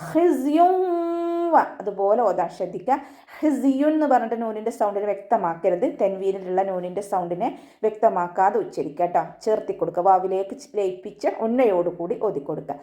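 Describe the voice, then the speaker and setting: A woman teaching Quran recitation online, explaining each rule patiently step by step and then chanting the verse words slowly. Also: mid-range voice. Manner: patient step-by-step explanation, often ending with a soft "tto". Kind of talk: online tajweed lesson.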